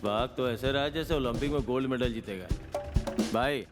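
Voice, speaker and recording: A man's voice: medium pitch, moderate pace, over loud music, close to an everyday voice. An actor dubbing a loyal, talkative henchman who reassures his boss. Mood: reassuring. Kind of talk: Hindi film dub. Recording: film soundtrack with loud score.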